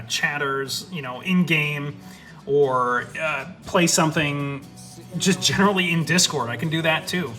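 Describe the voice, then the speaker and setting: A young man streams excitedly through a tour of his home desk gear, rambling and swearing casually as he goes. His voice is slightly high and bright, close on a studio mic, with faint music under him. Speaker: streamer showing his setup. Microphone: studio USB/XLR dynamic mic.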